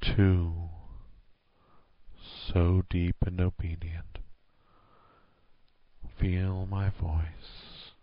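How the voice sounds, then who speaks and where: A man speaks right in the listener's ear in a hushed, soothing yet commanding hypnosis narration, slipping toward a whisper at times, on a dull close-miked recording. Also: deep voice, flat delivery, extremely slow, long pauses, dry recording. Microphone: close microphone, dry.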